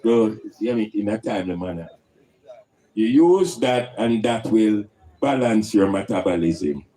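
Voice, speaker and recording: A man's voice: fairly low pitch, animated, a little slow, mellow. A man with a Jamaican accent speaking in Rastafarian style, preaching and teaching emphatically with rhetorical questions and Rastafari idioms.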